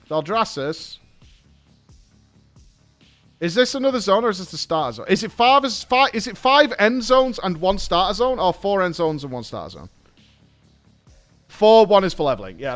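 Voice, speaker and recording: A British gaming host with a fairly high, very lively voice gives casual live reaction commentary. He thinks out loud in blunt, colloquial phrases while music plays behind him.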